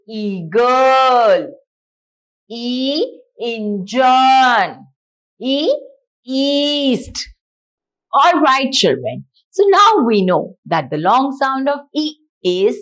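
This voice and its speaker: A woman teacher with a Punjabi accent giving a phonics lesson to children, drawing out each sound slowly. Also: on the high side, a bit bright. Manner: slow, sing-song teacherly delivery with drawn-out sounds.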